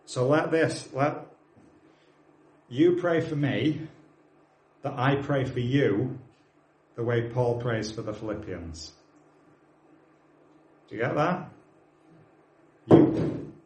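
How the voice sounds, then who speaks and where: A British man in his forties preaches a sermon, earnestly urging his congregation while dropping in plain, friendly asides. His medium-pitched voice has a darkish tone, and he speaks slowly with long pauses. The sound is roomy.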